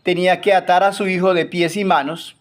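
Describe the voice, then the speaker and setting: A man with a fairly high voice teaches a Bible lesson as a preacher. He tells the stories with feeling and fills his pauses with drawn-out hesitations. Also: little pitch movement. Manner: emotional retelling, pausing with fillers.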